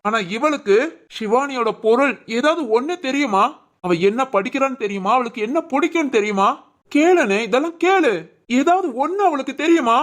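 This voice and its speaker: A woman's voice: high voice, animated, fairly quick. A woman voicing the members of a homemade family drama in an emotional, conversational way.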